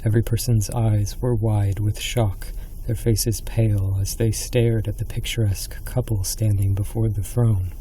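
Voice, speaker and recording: Low, really dark mellow guy telling a horror story dramatically, little bit of noise behind. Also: little pitch movement, normal speed, few pauses. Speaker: narrator.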